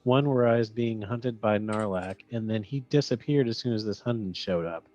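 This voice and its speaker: A man with a lowish voice plays a tabletop game, working through ideas hesitantly as he talks. His audio is dull and lo-fi, like an online call. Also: moderate pace, darkish tone, faint music behind. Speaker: player.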